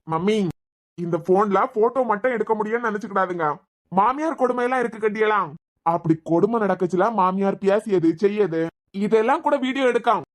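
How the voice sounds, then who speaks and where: A cheeky young man in a cartoon who cracks jokes and teases his family, voiced by a woman. He speaks with a Kanyakumari Tamil accent. His voice sits at an ordinary middle pitch. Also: a little fast, lightly acted. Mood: teasing. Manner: teasing, wisecracking. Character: joking young man, cheeky debt-ridden student. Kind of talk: cartoon web series dialogue.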